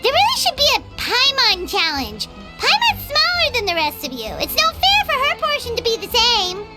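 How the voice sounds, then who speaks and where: Paimon, a tiny squeaky companion. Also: female voice, huge pitch swings, moderate pace, loud music behind the voice, exaggerated voice. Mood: defeated. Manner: talks about herself in the third person, whiny. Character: tiny female floating companion, chatty and greedy. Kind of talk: game cutscene voice acting.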